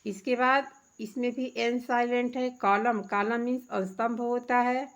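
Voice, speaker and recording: A woman's voice: a little high, fairly even intonation, unhurried, lo-fi sound. A woman teacher, patiently explaining a workbook lesson to children, asking questions and answering them herself.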